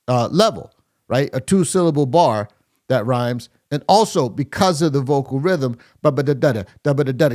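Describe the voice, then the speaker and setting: A man hosts a casual reaction video, reviewing a rap verse in a mid-range, slightly mellow voice. He uses many fillers and restarts and scats rhythms aloud.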